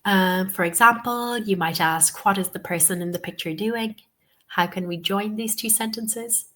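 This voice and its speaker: Sharp in tone yet patient, a sniffly woman with a cold leads a TEFL webinar lesson in a mid-range voice at a moderate pace. She repeats key points as a tutor and peppers her instruction with "okay" and "um".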